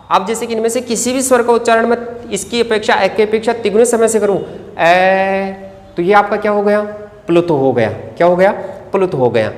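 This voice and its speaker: Echoey teacher quizzing and answering self. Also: mid-range voice. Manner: poses rhetorical questions and answers them, stretches key words. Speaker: Hindi grammar teacher. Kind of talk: exam-prep lecture. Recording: echoey room with long reverb, faint ambience.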